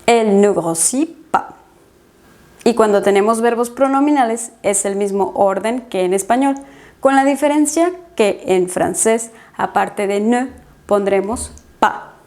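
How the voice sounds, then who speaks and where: Slow, careful woman teaching French. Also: mid-range voice, a little mellow. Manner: slow, careful dictation of conjugations. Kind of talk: language lesson.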